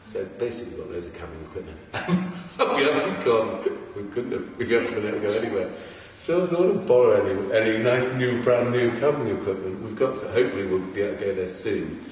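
A man's voice: lowish voice, expressive, fast talker, hardly any pauses, darkish tone, a little hiss or hum. An English man hosting a podcast, chatting in a rambling, enthusiastic way and often restarting his sentences. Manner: rambling, self-interrupting, enthusiastic. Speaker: podcast host. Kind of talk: casual chat interview. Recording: echoey room, far from the mic.

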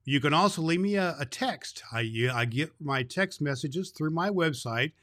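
A man playing Santa Claus as a jolly, grandfatherly old man, talking kindly and haltingly to children as host of a Christmas story show. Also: on the high side, animated, fairly bright tone. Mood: cheerful, kindly. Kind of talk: unscripted, folksy address to child listeners.

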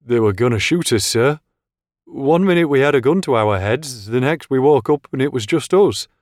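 A man's voice: medium pitch, fairly quick, darkish tone, no room sound, studio quality, pitched above the performer's own voice, natural voice. A man voicing a shaken young male police officer who pleads in a panic in an audiobook. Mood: panicked.

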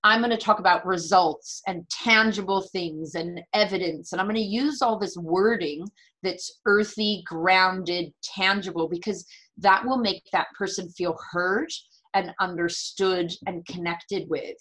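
A woman speaks as an interview guest in a slightly low voice. She explains things earnestly and conversationally, repeating key words for emphasis. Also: unhurried, fairly bright tone, poor audio. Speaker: interview guest, natural medicine practitioner and medical astrologer.

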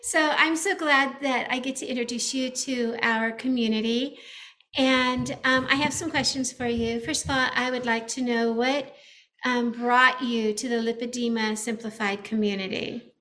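A woman's voice: on the high side, fairly even intonation, moderate pace, pushed and bright. A woman hosting a webinar, introducing and questioning a guest in an earnest, welcoming manner. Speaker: webinar host. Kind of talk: webinar interview.

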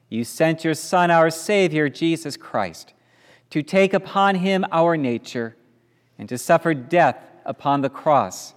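Man's smooth prayer in cathedral echo. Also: a little high. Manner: slow, measured intoning. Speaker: priest leading the service. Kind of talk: liturgical prayer. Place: large church. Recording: long church hall reverb.

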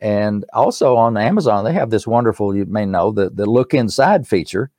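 This interview guest, an older musician and author with an East Tennessee accent, has a fairly low, darkish voice delivered with animation at a moderate pace. His explanations are folksy and earnest, in a conversational promotional setting. The audio is clean and dry.

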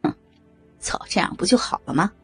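A woman voicing a menacing, gloating male criminal in an audio story, in a low, hissing, sneering delivery. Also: normal speed, faint music behind, lightly acted. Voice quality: gravelly, raspy. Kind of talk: audio drama reading.

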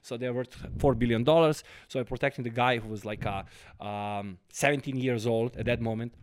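A man, a guest entrepreneur telling his life story in a casual interview, animated and quoting himself often. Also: medium pitch, brisk, a little hiss or hum. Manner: animated, quotes himself often, frequent fillers.

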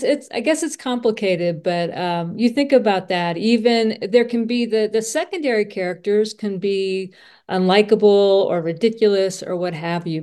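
A woman with a warm, mid-range voice hosts a podcast, chatting casually in an interview. She's a children's author who thinks aloud and keeps rephrasing herself as she talks.

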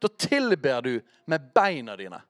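A man preaching a teaching sermon in a conversational way, speaking straight to his listeners and checking in with quick questions. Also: mid-range voice, huge pitch swings, no echo, studio quality.

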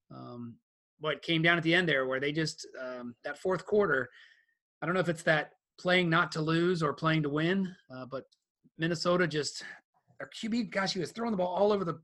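A man's voice: on the high side, fairly bright tone. A man hosting a casual sports podcast, rambling through game recaps with lots of fillers and restarts. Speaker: podcast host.

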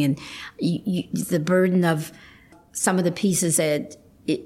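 A middle-aged woman talking casually and reflectively, often checking in with a "right?" at the end of phrases. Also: on the low side.

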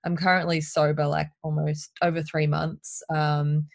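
A woman speaking openly and emotionally in a casual conversation, telling her story with lively candour. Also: deep voice, measured pace, creaky, dry recording, clean studio sound. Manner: open, emotional, animated storytelling.

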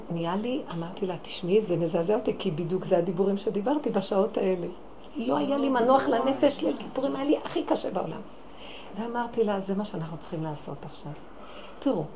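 A woman giving an impassioned religious talk, swinging between loud exclamations and hushed, pleading tones. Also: medium pitch, vocal fry, background noise. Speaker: religious lecturer.

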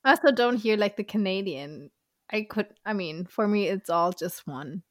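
Woman host, relaxed interviewer, mid pitch, dry close mic. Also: normal speed, dry recording. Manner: relaxed, asks short questions, laughs along. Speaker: podcast host. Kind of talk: casual interview.

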